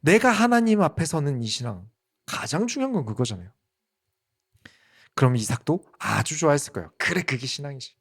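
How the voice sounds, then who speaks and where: A male pastor giving a sermon in an animated way, asking the congregation questions. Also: fairly high pitch, fairly quick, pauses often, slightly rough.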